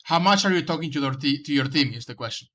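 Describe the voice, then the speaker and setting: A man's voice: fairly high pitch, expressive, quick pace, a bit bright. A man reviewing someone's game footage, coaching them in casual commentary, often stumbling and restarting his sentences. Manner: coaching, direct advice.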